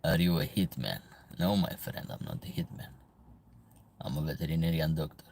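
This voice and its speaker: A man's voice: very deep voice, normal speed, darkish tone, slight background noise. A man from Albania with an Albanian accent, chatting casually on a livestream as he reads viewer comments aloud and answers them. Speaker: livestream host, veterinarian.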